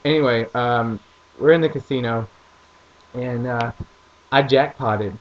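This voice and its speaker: A man's voice: medium pitch, unhurried, dull audio. A young man with a rural American accent, telling rambling self-deprecating stories in a casual vlog. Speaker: vlogger.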